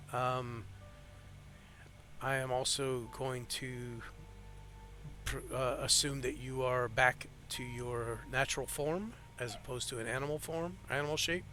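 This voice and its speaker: Dungeon master guy, bright voice, rambly and umm-y, faint background hiss. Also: mid-range voice. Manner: rambling, hesitant, lots of fillers. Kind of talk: narrating a tabletop game.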